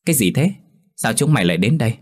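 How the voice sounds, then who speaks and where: A man's voice: on the low side, animated, moderate pace, slightly rough, pitched above the performer's own voice. A man voicing a flustered, forgetful young village man. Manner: flustered, rambling.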